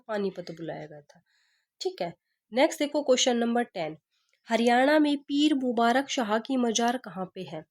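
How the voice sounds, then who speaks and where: A woman teaches an exam-prep class in a slightly high voice. She poses a question, then answers it herself and drills it again and again. Her delivery is steady and patient, built around memory tricks. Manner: repeats questions and answers, asks rhetorical "kya hai?".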